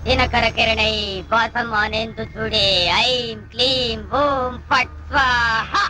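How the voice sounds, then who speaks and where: An actor voicing a menacing possessed doll spirit that chants spells slowly, in horror comedy film dialogue. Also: medium pitch, lively intonation, pushed and bright, soft background music. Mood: chanting. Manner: slow ritual chanting of spells.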